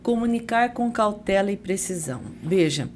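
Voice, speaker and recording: A woman from Brazil hosting a podcast interview, talking in a soft, drawn-out way. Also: medium pitch, lively intonation, slight background noise. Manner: soft-spoken, drawn-out phrasing. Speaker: podcast host. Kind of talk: casual interview chat.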